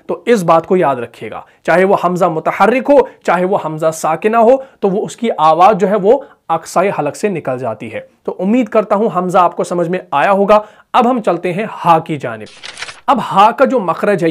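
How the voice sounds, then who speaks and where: Teaching Quran recitation, a man with a high-sitting voice and a Pakistani Urdu accent asks questions and then supplies the answers himself. The tajweed lesson has him lingering slowly over the example words.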